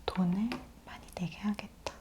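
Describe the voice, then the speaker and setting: A woman host whispering softly and close in an ASMR news briefing, gently explaining things to the listener. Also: medium pitch, steady tone. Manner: slow, gentle explaining to the listener in polite speech.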